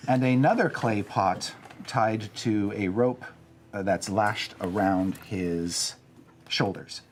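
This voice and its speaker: A man in a tabletop game describing a creature slowly, with halting fillers. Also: lowish voice, slight background noise. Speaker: player and narrator.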